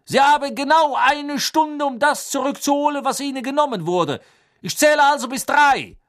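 A man voicing a jovial middle-aged male tournament announcer who calls out loudly and excitedly across the water. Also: extremely high pitch, takes it slowly, vocal fry, husky, voice pushed up, full character voice. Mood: booming excitement.

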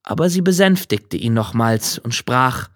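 A man reads a fairy tale aloud in a calm, even manner. His voice sits in a middle pitch. The recording is dry and close. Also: a little slow, no echo. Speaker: narrator.

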